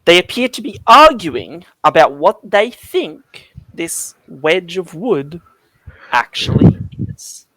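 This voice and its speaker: A man runs a tabletop game, rambling through his narration with plenty of "like" and "um." His pitch rises and falls a lot, and the mic sounds dry and close. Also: sing-song, takes it slowly, bright, forceful tone, no echo. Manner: rambling, lots of "like" and "um". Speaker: dungeon master.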